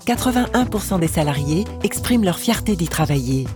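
A woman's voice: fairly low pitch, expressive, a little fast. A woman reading scripted narration as a podcast presenter. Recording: loud music under voice.

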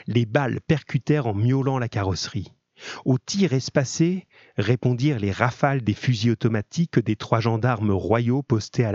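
A man reading a novel aloud in steady, measured narration. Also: mid-range voice, dry recording, dull audio. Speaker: audiobook reader.

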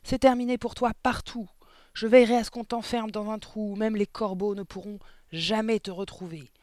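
A towering, tyrannical headmistress, put on by a man reading aloud barks insults in a raised, loud voice. Her ranting comes across as dry and close, with nothing of a room around it. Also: a little high, fairly quick, vocal fry, dry recording. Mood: raging. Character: huge furious tyrannical headmistress woman. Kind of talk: audiobook character reading.

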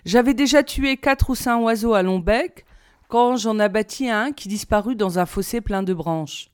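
A woman reading a short story aloud in a measured, expressive way. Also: a little high, clear, resonant tone, no echo, studio quality. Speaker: reader.

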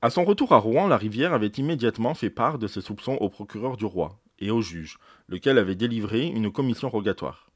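A male teacher reading a novel aloud for his class, steady and deliberate. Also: lowish voice, dry recording, clean studio sound.

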